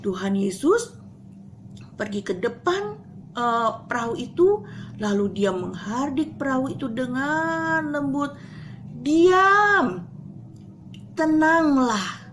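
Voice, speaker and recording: Woman, high voice, children's chapel storyteller, animated, hushed asides, loud excited bursts. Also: measured pace, slight background noise. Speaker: school chapel speaker.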